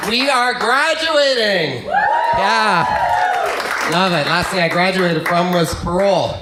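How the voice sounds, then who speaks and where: A man from Canada doing a stand-up routine in a comedy club, delivering deadpan one-liners and mock foreign phrases. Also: high-pitched, takes it slowly, very noisy. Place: comedy club with live audience. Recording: echoey club, loud crowd laughter.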